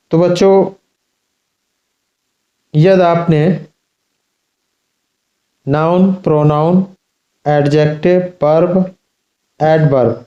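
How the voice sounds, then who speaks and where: Male grammar teacher, slow careful explaining, fairly high voice, echoey room. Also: mellow, lo-fi sound. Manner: slow, repetitive explaining, addressing children. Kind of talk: classroom lesson.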